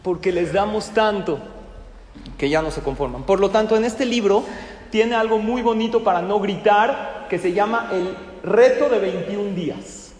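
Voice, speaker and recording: Lively high-pitched man lecturing a class, long hall echo. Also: moderate pace. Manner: lively, acts out parents and children. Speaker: parenting class teacher. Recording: echoey hall with faint noise.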